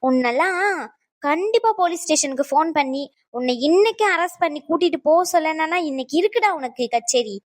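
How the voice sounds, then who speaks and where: A woman's voice: sits high, animated, a little fast, no room sound, clean studio sound. A woman voicing a scolding, insulting middle-aged aunt in a cartoon drama. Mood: contemptuous. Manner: insulting, shouting, wailing.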